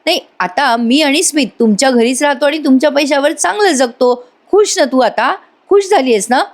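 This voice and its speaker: A woman's voice: high-pitched, normal speed, pitched above the performer's own voice, lightly acted. Woman voicing an exasperated young daughter. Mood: upset. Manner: complaining, exasperated pleading.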